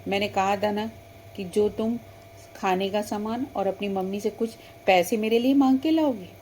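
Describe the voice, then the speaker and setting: A woman's voice: mid-range voice, normal speed, dark tone, slight background noise, lightly acted. A woman voicing a bossy, threatening mean girl in a doll story. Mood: scolding. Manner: menacing, scolding.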